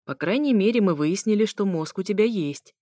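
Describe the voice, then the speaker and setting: A woman's voice: medium pitch, expressive, brisk, mellow, no room sound, clean studio sound, lightly acted. A woman voicing a smug, sarcastic ex-husband who talks sternly. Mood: mocking. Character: smug, mocking male ex-husband.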